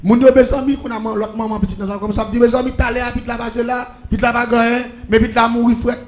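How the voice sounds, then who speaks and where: A man's voice: very high voice, level tone, fast, slight background noise. A man with a Haitian accent, preaching a sermon as a testimony and calling out blessings to the congregation. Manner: storytelling preacher with call-and-response blessings. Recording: muffled lo-fi recording.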